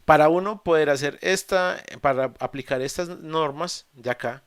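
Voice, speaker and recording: A man's voice: fairly high pitch, normal speed, clear, resonant tone, no room sound. A man teaching English grammar in an online class, explaining rules step by step in a patient way with frequent fillers and restarts. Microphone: computer mic in a video call.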